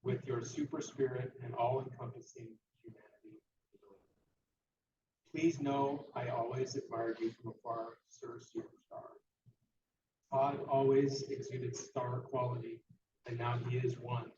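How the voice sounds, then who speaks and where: A man reading a tribute letter aloud at a memorial, in an earnest, measured way. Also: mid-range voice, fairly even intonation, warm tone. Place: memorial gathering hall. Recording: echoey room from far off, dull, noisy.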